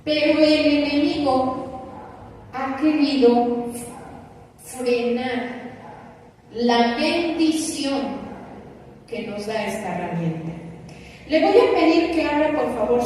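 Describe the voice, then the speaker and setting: A woman preaching a measured, emphatic sermon and putting questions to her congregation. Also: high voice, darkish tone, slight background noise. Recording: echoey hall recorded from a distance.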